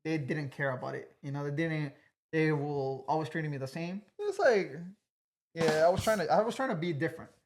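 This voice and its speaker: A man's voice: a little high, fairly quick. A man in his twenties, a podcast guest talking in an earnest, chatty way, full of fillers. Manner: earnest, talkative, many "like" fillers. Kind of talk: casual podcast conversation.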